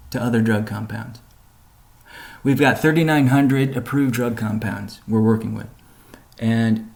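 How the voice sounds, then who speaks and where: On a conference call, a man presents a company update, explaining things in a measured way with deliberate pauses. His voice is medium in pitch, creaky and darkish.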